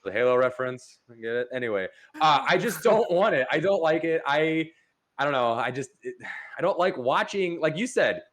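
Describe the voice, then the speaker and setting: A man's voice: on the high side, lively intonation, normal speed, a bit bright. A man co-hosting a casual gaming podcast over an online call, playfully ranting and getting worked up. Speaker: podcast co-host.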